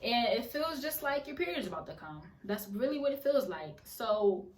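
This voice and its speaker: A woman's voice: fairly high pitch, sing-song, moderate pace, far from the mic. A woman giving casual advice in a vlog, chatty and repeating phrases for emphasis. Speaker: vlogger. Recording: roomy echo, voice away from mic.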